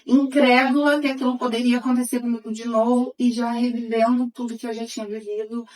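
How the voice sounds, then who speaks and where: A woman guest with a somewhat high voice recounts her own past in an interview. She speaks earnestly, her voice dropping to a hush and then rising again as she tells it. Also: level tone, a little fast, low-quality recording. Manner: earnest, voice swinging between hushed and raised. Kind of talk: emotional personal testimony.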